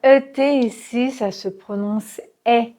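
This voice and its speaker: A woman teaching pronunciation, speaking very clearly and modelling sentences slowly, syllable by syllable, for learners to repeat. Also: a little high, warm tone. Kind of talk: slow, clearly articulated pronunciation lesson.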